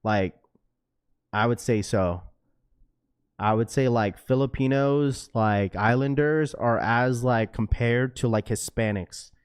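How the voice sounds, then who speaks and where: A laid-back man from Washington state, US, hosts a livestream and reads chat, speaking slowly and smoothly at medium pitch in a studio-quality recording with no room sound. Young adult to middle-aged and father of a school-age daughter, he chats casually with viewers, peppering his talk with "bro", "dude" and "like".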